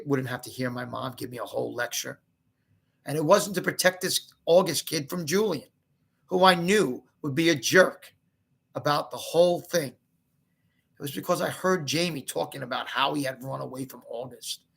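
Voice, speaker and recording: A man reading a children's novel aloud in first person, with expressive, conversational asides. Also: fairly high pitch, gravelly, husky. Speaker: reader and commentator.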